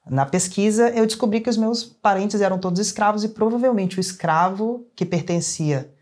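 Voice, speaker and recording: A man's voice: sits high, normal speed, a little mellow. A young man with a Brazilian accent, an interview guest earnestly telling a personal story in casual conversation. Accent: Brazilian Portuguese. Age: young adult.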